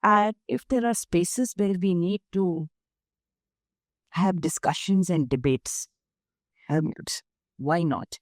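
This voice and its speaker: An older woman with an Indian accent, interviewed as a guest. Her voice sits on the low side, and the recording is close and dry. She speaks in a measured, emphatic manner. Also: no room sound. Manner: measured, emphatic, explains through lists of examples. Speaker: guest, nonprofit founder. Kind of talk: interview conversation.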